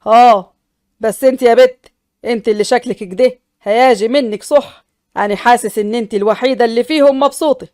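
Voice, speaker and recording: A woman voicing a proud young male village chief with an Upper Egyptian accent, commanding and brisk. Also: a little high, a little mellow, dry recording, clean studio sound, voice pushed down, natural voice. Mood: teasing.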